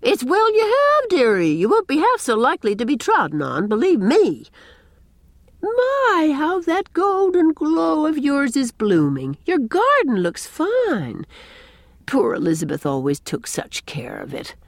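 Reading a storybook, a woman gives a full character voice to a brisk, opinionated, gossipy village spinster of middle age, pitched high, above her own voice. The delivery is folksy and emphatic with very lively rises and falls, in a tart mood, and the sound is dry with no room around it.

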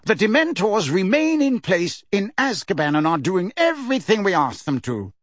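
A man voicing a blustering, aggressive minister who speaks loftily and forcefully. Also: high voice, big pitch swings, normal speed, no echo, pitched above the performer's own voice. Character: blustering aggressive middle-aged male minister.

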